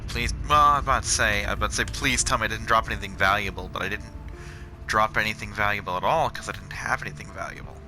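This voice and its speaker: A young man hosting a gaming channel talks fast in a lowish register, rambling about work as he plays. He swears a lot and sounds sarcastic, and game music can be heard behind him.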